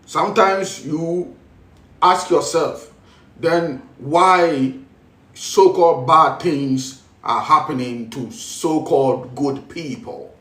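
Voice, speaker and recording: Here a Ghanaian-accented man teaches on spiritual matters, his preaching repetitive as he alternates between Twi and English. His pitch is fairly high and a bit bright. He sounds distant, with a roomy echo around him.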